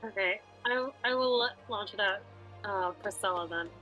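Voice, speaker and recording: A woman's voice: mid-range voice, normal speed, pushed and bright, muffled recording. A woman playing a tabletop game, chatting casually and hesitantly. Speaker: player. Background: faint music.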